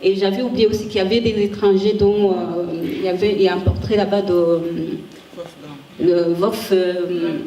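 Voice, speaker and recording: A woman giving an academic conference talk with slides, halting and restarting as she searches for words. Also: medium pitch, steady tone, dark tone. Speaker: conference speaker, ethics researcher. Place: conference room. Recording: echoey room, distant mic, faint hiss.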